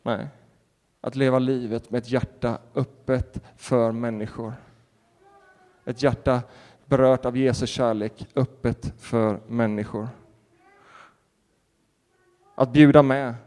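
A man who is a pastor, preaching a sermon and telling stories in a lively way with acted-out quotes. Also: medium pitch, long pauses. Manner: animated storytelling with laughter and acted-out quotes. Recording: reverberant hall.

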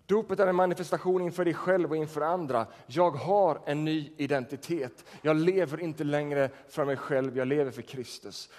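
A man's voice: on the high side, steady tone, few pauses, a little mellow. A man preaching a sermon as pastor, talking in a conversational way and often posing questions to the congregation. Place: church sanctuary. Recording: long church reverb.

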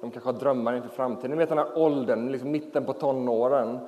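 A man in his thirties preaching a relaxed, chatty sermon full of fillers, to a congregation in a church. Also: medium pitch, slight background noise. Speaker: pastor. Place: church hall. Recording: reverberant church hall.

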